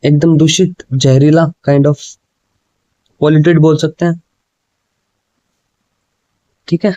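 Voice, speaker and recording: Man, casual exam prep teacher, mellow voice, reads questions slowly, then chats them through in Hindi and English. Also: on the high side, fairly even intonation, no room sound. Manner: explains in Hindi with English words, often says "ठीक है" and "भाई".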